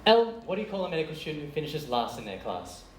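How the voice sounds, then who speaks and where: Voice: mid-range voice, very animated, fast talker, natural voice. An actor playing a reassuring medical student friend in a stage comedy, with an exaggerated delivery. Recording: distant echoey stage, faint noise.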